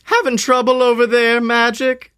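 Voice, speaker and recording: A man's voice: very high-pitched, level tone, normal speed, pushed and bright, clear, resonant tone, voice pushed up. A man voicing a smug teenage boy wizard who taunts his rival in a mocking, sing-song way. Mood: taunting.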